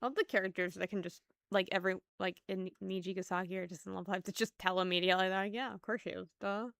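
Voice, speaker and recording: A woman's voice: mid-range voice, fairly even intonation, quick pace, gravelly, a bit bright, no echo, studio quality. A young woman streaming a game, chatting in a rambling, self-mocking way. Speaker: vtuber streamer. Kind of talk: game commentary.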